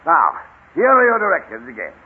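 A man playing a brisk, commanding businessman in a 1940s radio drama. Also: on the high side, wildly swooping pitch, breathy edge, exaggerated voice. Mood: bossy. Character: bossy businessman giving orders. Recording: tinny old radio broadcast.

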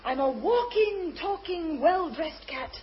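A woman's voice: very high-pitched, expressive, takes it slowly, slight background noise, exaggerated voice. A woman playing a confident, grand talking cat who serves as a loyal valet, in theatrical pantomime style. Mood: proud, eager. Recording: muffled stage recording with music.

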